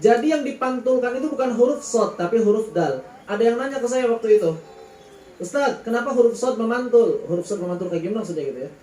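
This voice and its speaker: Male recitation teacher, high mellow voice, patient and drawn-out, echoey room with faint hum. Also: animated. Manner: patient, drawn-out explanations with sung letter names. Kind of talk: Quran recitation lesson.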